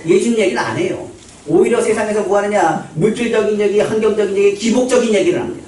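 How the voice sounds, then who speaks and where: Quick, high-voiced preacher in an echoey church. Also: male voice, a little mellow. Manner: asks the congregation questions and answers them himself. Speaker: pastor. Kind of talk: sermon. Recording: echoey hall, voice from far off.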